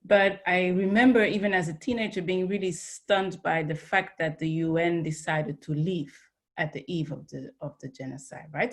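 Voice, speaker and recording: A woman from Belgium speaking as a panelist on an online academic panel, earnest and searching, with restarts and fillers, over a video call. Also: lowish voice.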